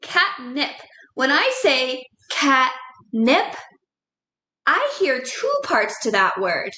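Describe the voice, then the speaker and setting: A woman's voice: high voice, wildly swooping pitch, takes it slowly, pushed and bright, echoey room, slight background noise, rough recording. A woman teaching a second grade phonics lesson, encouraging and spelling words out letter by letter. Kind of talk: recorded classroom lesson.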